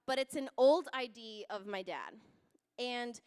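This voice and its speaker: A young woman telling a funny story at a church youth service, animated and laughing as she acts out voices. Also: on the high side, unhurried, clean tone. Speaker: youth speaker. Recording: long hall reverb.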